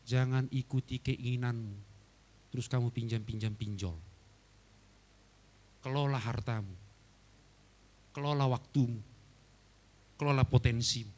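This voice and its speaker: A male pastor preaching a sermon, telling a personal story with animated swings from loud outbursts to quiet asides. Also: medium pitch. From Batak. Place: church hall.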